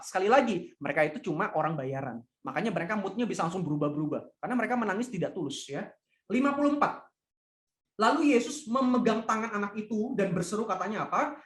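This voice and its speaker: A man preaching a lively, conversational sermon who keeps asking the congregation questions. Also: high-pitched, fast. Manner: asks the congregation rhetorical questions; acts out the voices of people in the story. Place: church hall. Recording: echoey church livestream.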